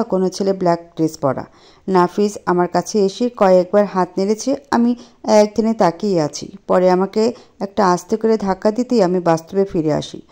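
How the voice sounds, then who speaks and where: Woman, story narrator, first person, expressive, mellow voice, mid pitch.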